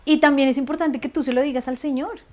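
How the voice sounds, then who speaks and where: A woman, chatting as an interview guest in an animated way, laughing often. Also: high voice, fast. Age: 30s. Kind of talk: casual conversational interview.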